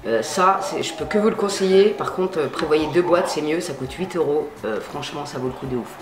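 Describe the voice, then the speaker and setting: A woman's voice: low voice, brisk, reverberant, over a noisy crowd. A woman chatting casually while demonstrating how she dyes her hair, slangy and full of fillers. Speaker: beauty vlogger. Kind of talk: casual hair-dye tutorial chat. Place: home at night.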